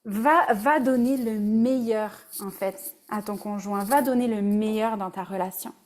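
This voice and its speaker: At a measured pace, a woman with a medium-pitched, darkish voice and a Québécois French accent gives a casual webinar. As a relationship coach, she chats easily and borrows English words.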